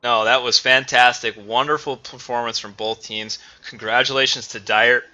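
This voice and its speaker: A man casting a live esports match, excitable and getting loud on big plays. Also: mid-range voice, moderate pace, lo-fi sound. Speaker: esports caster. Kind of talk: live play-by-play commentary.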